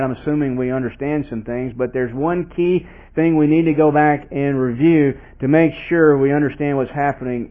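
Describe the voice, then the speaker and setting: A man preaching an expository sermon in a conversational way, asking his listeners questions and reading scripture aloud with emphasis. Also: mid-range voice. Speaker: pastor. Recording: tinny phone-like sound.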